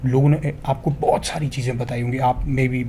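A man's voice: medium pitch, flat delivery, normal speed, warm tone, slight background noise. A man giving an earnest, motivational spoken lesson, calling viewers his friends and slipping English phrases into his talk. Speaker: English teacher.

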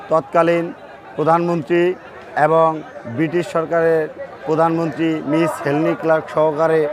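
A man gives a formal protest statement in short, measured phrases. His voice is fairly high and monotone, and crowd noise is clearly heard behind him outdoors. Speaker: protest spokesman.

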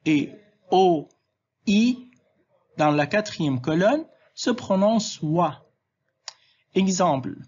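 A teacher giving a slow, clear spelling and pronunciation lesson in French, switching into Arabic to explain. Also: mid-range voice, animated, a little mellow, muffled recording. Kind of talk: classroom language lesson.

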